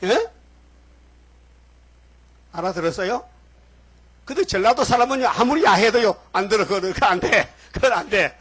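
A man delivers a sermon as pastor of a church. His voice sits high and sounds husky and breathy. He rambles from point to point and keeps turning to quiz the congregation. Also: animated, moderate pace, long pauses, a bit bright. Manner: rambling, questions the congregation directly.

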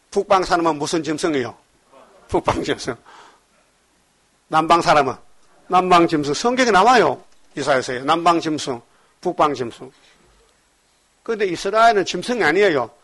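A male pastor with a slightly high voice delivers an emphatic sermon full of rhetorical questions aimed at the congregation. He shifts between loud exhortation and quiet asides.

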